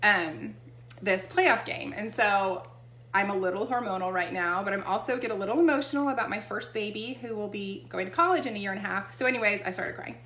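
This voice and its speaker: With a sharp tone at medium pitch and a slightly quick pace, a Texan woman casually demos essential oils. She regularly checks in with the listener, while the echoey room has a faint hum.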